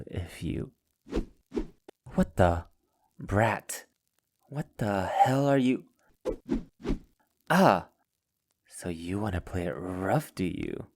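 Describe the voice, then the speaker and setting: A man acts out a sadistic, possessive immortal vampire master in an intimate ASMR roleplay, taunting theatrically in a breathy, gravelly voice that often drops close to a whisper. His voice is deep with a darkish tone and heavily acted. He starts smug and turns angry.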